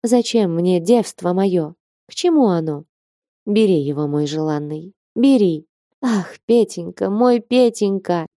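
A woman reading an audiobook and voicing a lively, teasing young woman in love, who coaxes tenderly and can turn fierce. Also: fairly low pitch, unhurried, no echo, clean studio sound. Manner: coaxing and affectionate, then fierce.

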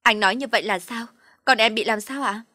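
A woman's voice: medium pitch, flat delivery, normal speed, fairly bright tone, no room sound, clean studio sound, close to an everyday voice. A woman voicing an anxious young mother who pleads for answers, in a storybook reading. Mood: desperate.

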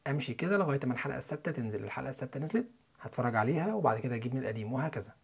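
A young man with an Egyptian Arabic accent, teaching English listening and pronunciation in a quick, chatty way. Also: medium pitch, animated, creaky, breathy edge. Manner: quick, chatty lesson delivery with spelled-out letters and repeated example words.

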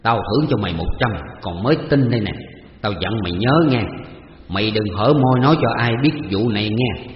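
A man's voice: lowish voice, fairly quick, roomy sound, big-room sound, dull audio, background noise, lightly acted. A man reading a story aloud, voicing an anxious, doting older father who bosses his servant around. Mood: ordering. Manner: bossy toward servant, fussing.

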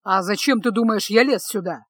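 A woman voicing a gruff, stubborn male mage who talks curtly and matter-of-factly. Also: mid-range voice, normal speed, a bit bright, no room sound, clean studio sound. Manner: curt, matter-of-fact.

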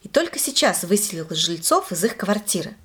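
A woman tells her child a first-person story in an emphatic, lively way. Her voice sits in a middle register, and she moves easily between calm narration and forceful moments. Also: medium pitch, fairly quick.

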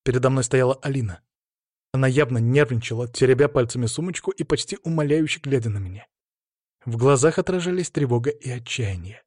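A man narrating a story in the first person in a steady, measured way. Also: mid-range voice, no room sound, clean studio sound.

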